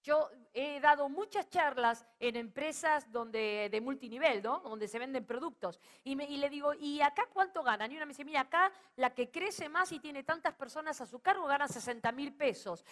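A woman's voice: sits high, normal speed, hardly any pauses, fairly bright tone. A middle-aged woman with an Argentine accent preaching a sermon and rousing the congregation to call back. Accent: Rioplatense Spanish. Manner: rousing, calls out to the audience.

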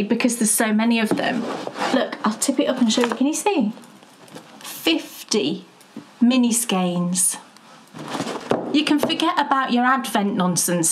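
A woman of fifty chatting casually as a knitting show co-host, telling stories with laughs and lively animation. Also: a little high, background noise. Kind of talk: casual chat.

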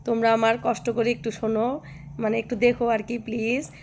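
A hoarse woman vlogging by a cowshed, chatting affectionately with her viewers and often asking if they follow. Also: fairly high pitch, flat delivery, normal speed, a little mellow, slight background noise. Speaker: village life vlogger. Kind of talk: casual vlog chat to viewers.

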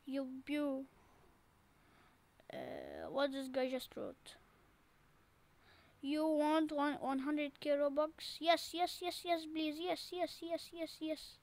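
A woman giving casual gameplay commentary, excitable and repeating herself in pleading cries. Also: high-pitched, takes it slowly, long pauses. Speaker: gaming channel host.

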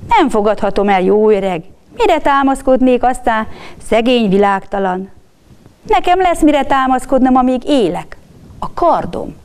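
A woman reading a kindly, steady war general. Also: fairly high pitch, smooth, close to an everyday voice. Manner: gentle, reassuring. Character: brave male general, kind and steady.

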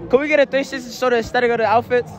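A man's voice: extremely high pitch, fairly even intonation, very fast. A man hosting a casual street interview outdoors, with playful, hyped banter. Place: outdoors on a busy city street. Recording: street crowd and loud music behind.

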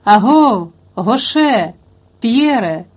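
A woman's voice: medium pitch, normal speed, lightly acted. A woman reading the lines of a cheerful, spirited young king who rouses his hunting party, in an audiobook. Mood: rousing. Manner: hearty, rousing calls to the hunt.

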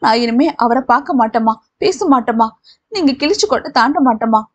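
A woman's voice: fairly high pitch, lively intonation, moderate pace. A woman voicing a young woman who pleads tearfully with her mother. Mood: pleading.

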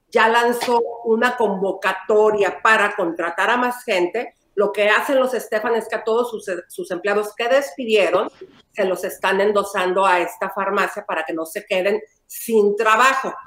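A middle-aged woman co-hosting a casual gossip chat over a video call, teasing and emphatic, quick to argue her point. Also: medium pitch, fairly bright tone. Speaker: co-host. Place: home room with staircase. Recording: echoey room.

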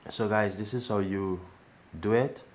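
A man's voice: on the low side, fairly even intonation, measured pace. A man hosting a casual how-to video, explaining each step and repeating instructions as he goes. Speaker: tech tutorial host.

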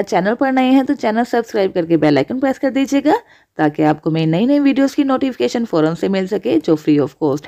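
A woman's voice: medium pitch, dark tone. A woman hosting a cooking channel, explaining each step of a recipe to viewers. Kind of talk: voice-over recipe instruction.

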